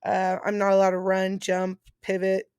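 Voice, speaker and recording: A woman speaks in an informal, explanatory way, like a casual vlog chat. Her voice has a noticeable gravelly fry at a middle pitch. The sound is dry, with very little room in it. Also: completely flat delivery, normal speed, a little mellow, no echo, dull audio. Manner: informal, explanatory, reading out points then paraphrasing. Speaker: vlogger and post-surgery patient. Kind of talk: casual chat about recovery.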